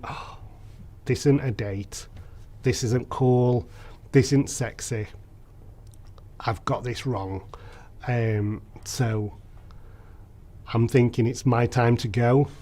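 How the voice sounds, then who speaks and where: A man's voice: medium pitch, darkish tone. A young man, candidly and reflectively telling his personal story in an interview clip. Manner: candid, reflective storytelling, acting out remembered exchanges. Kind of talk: personal story told to camera.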